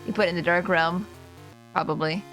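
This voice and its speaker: A woman's voice: fairly low pitch, steady tone, moderate pace, a bit bright, faint music behind, poor audio. A woman giving casual, joking commentary as she plays a video game, slipping between exclamations and muttering. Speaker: gamer playing a game for the first time. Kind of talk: casual playful gaming commentary.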